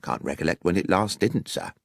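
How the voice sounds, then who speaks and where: Audiobook station master, acted by a man: deep, respectful, orderly, plain-spoken, dry close sound. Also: animated, a little fast, creaky, dry recording, full character voice. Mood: matter-of-fact. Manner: plain, dutiful, sure of himself. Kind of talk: audiobook character voice.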